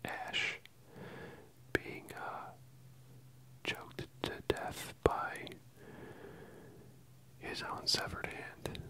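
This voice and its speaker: Close-up ASMR whisper, bright and breathy. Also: extremely slow, long pauses, poor audio. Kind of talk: whispered ASMR casual film review. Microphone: close stereo microphone, ear-to-ear panning.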